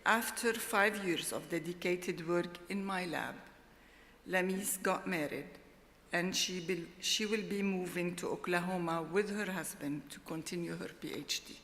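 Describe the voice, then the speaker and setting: A middle-aged woman gives a formal award acceptance speech at a podium microphone, in a slow, deliberate and heartfelt way. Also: lowish voice, a bit bright, a little hiss or hum. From Lebanon. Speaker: award laureate. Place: large ceremony hall. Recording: long hall reverb.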